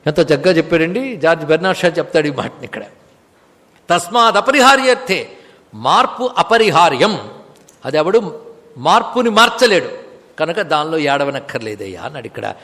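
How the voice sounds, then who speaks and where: A man's voice: fairly high pitch, expressive, brisk, fairly bright tone. A man giving a religious discourse, posing rhetorical questions and reciting verses. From India. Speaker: spiritual discourse speaker. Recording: long reverb of a hall.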